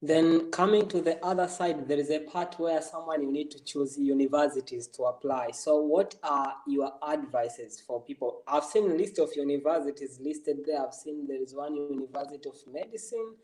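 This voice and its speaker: Male interviewer, fairly high mellow voice, halting casual delivery, roomy echo. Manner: halting, repeats phrases as he asks. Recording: roomy echo, far from the mic.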